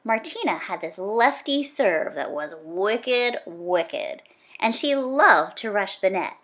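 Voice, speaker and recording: Taking her time, a woman with a medium-pitched voice reads a children's book aloud in a teacher's manner. She sounds lively and conversational, stressing repeated words emphatically.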